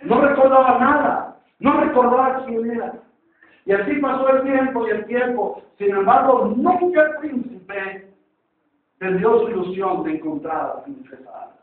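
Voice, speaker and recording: A man preaching in Spanish who tells a story to his congregation, with drawn-out, emphatic phrases, heard on a tinny, echoey recording from far off. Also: very high voice, animated. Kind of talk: sermon with storytelling. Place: church.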